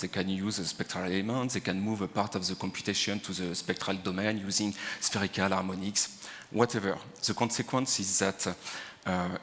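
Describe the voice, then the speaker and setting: A man with a French accent giving a conference presentation, halting with frequent fillers. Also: sits low, a bit bright, a little hiss or hum. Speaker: conference speaker, CPU engineer. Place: large conference hall. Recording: reverberant conference hall.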